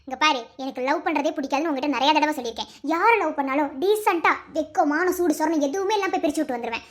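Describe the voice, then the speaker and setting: A woman voicing a sharp-tongued, possessive young college woman in a cartoon, scolding in a Madurai Tamil accent. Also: rapid-fire, lightly acted. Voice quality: very high, squeaky voice. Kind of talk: animated cartoon voice acting.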